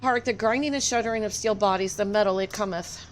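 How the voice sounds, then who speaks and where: A woman's voice: mid-range voice, quick pace, slight background noise, lightly acted. A woman reading aloud a game's overwrought, fearful dragon with archaic, portentous phrasing. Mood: dread. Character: fearful, overwrought dragon dreading approaching machines. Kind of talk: reading game dialogue aloud.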